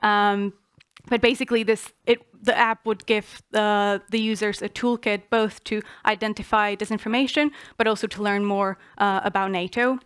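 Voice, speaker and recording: A young woman from the Czech Republic presents her proposal on a panel, earnest and full of small restarts. Her voice is smooth and clear, with a fairly flat melody. The sound is close and dry. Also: mid-range voice, normal speed, no echo. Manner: earnest, many fillers and restarts. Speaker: student panelist.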